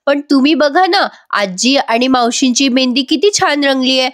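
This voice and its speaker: A woman's voice: high voice, moderate pace, pitched above the performer's own voice, natural voice. Woman doing a scared pleading young artisan. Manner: pleading, defensive.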